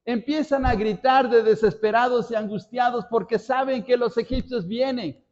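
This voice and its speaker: Pastor preaching, high voice, swings loud then soft, kinda muffled lo-fi sound. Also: male voice, moderate pace. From Mexico. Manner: storytelling preacher, dramatic rises and drops in voice. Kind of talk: sermon.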